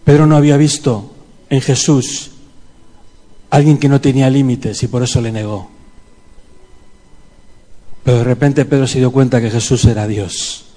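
In a church with long hall reverb, a man leads a fervent prayer and sermon, pleading with the congregation and calling on them. His voice is medium in pitch and warm.

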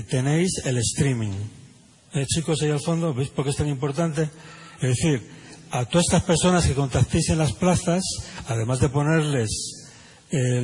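A man's voice: mid-range voice, a little mellow, husky, rough recording. A man, a senior pastor emphatically instructing the congregation. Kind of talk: sermon. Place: church service.

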